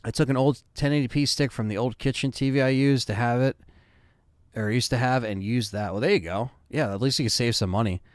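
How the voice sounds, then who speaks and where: A man's voice: mid-range voice, brisk, no room sound, studio quality. A man in his thirties hosting a live stream, chatting casually and reading viewer comments with loose fillers. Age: 30s.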